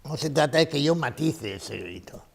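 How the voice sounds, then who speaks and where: Emphatic man lecturing, gravelly and lively. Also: on the high side, normal speed. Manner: emphatic, repeats key phrases, asks rhetorical questions. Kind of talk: conference lecture.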